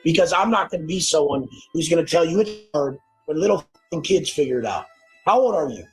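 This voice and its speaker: A man berating a client on a call, profane and shouting, played back as a clip. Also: fairly high pitch, expressive, a little fast, soft background music. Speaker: fitness coach on a call. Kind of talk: clip of a heated phone call.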